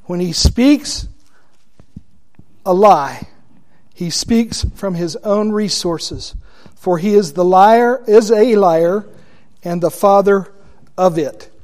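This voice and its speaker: A man teaching a Bible study class, deliberate and asking his listeners questions. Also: sits high, a little mellow.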